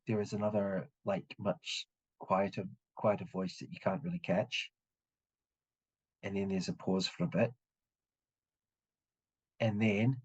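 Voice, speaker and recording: Husky, halting game master. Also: male voice, fairly low pitch. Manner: halting, full of fillers and restarts. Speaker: dungeon master. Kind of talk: narrating a tabletop game. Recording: dull, muffled audio.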